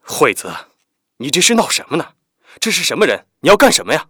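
A man's voice: medium pitch, lively intonation, brisk, sharp tone, husky, no echo, clean studio sound. A man voicing a tense young man who pleads in agitation, with music behind. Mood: agitated. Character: tense young man, a cornered undercover agent.

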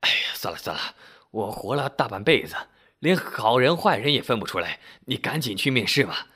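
Guy doing gruff middle-aged repair guy, brash and loud, voice swings a lot, audio story. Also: medium pitch, very animated, moderate pace, exaggerated voice. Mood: startled. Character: blunt gruff middle-aged male bike-repair vendor.

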